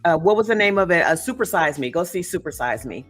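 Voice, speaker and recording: A woman's voice: fairly low pitch, lively intonation, quick pace, soft background music. A woman hosting a talk show and discussing as an author, in an emphatic, storytelling way with frequent asides. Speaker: podcast host and author. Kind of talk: casual discussion.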